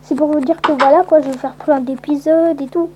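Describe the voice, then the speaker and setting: A woman's voice: high voice, steady tone, brisk, noisy background. A woman giving casual, rambling let's-play commentary with lots of hesitant fillers. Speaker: gameplay commentator.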